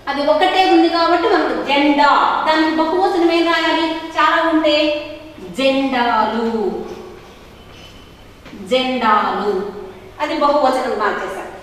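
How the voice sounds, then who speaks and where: A woman from Andhra Pradesh with a Telugu accent, teaching a grammar lesson to young pupils, slow and patient, repeating each word for them to copy. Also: sits high, slight background noise. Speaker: school teacher. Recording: very echoey hall, voice far from mic.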